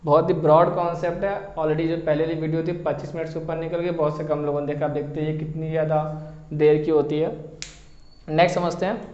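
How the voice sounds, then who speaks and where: High-voiced man teaching in a roomy echo. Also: little pitch movement, fairly quick, darkish tone. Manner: repeats questions to check understanding. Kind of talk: Hindi lecture on English poetry. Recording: roomy, dull lo-fi audio.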